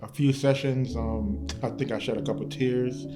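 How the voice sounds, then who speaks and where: Relaxed man in his thirties. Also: medium pitch, normal speed. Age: 30s. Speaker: program participant. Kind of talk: testimonial interview. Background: guitar music.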